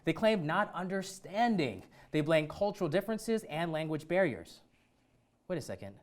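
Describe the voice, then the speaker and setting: Animated playful comedy co-host. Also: mid-range voice, moderate pace. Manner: animated, playful, laughing through lines. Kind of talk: scripted comedy news delivery.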